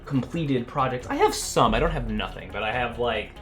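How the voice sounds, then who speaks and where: Over faint background music, this young man from Canada chats loosely while streaming his game dev work, his mid-range voice animated and fairly bright at a moderate pace. He's rambly and talkative, often laughing, losing his thread, trailing off, and picking back up.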